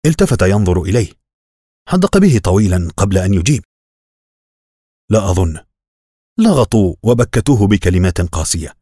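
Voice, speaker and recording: Low-voiced guy reading a novel aloud, steady and even, dry close mic. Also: fast, breathy edge, no echo. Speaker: audiobook narrator. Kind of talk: novel narration.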